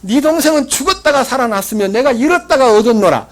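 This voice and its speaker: Gentle loving old father done by a male preacher, solemn scriptural tone, high male voice. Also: animated, fast talker.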